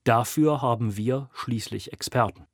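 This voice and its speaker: A man's voice: medium pitch, a little slow, no room sound, clean studio sound. A man reading an audiobook, voicing a ruthless, scornful male construction boss who hisses and snarls his threats. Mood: snapping. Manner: hissing, snarling, louder and sharper than the narration.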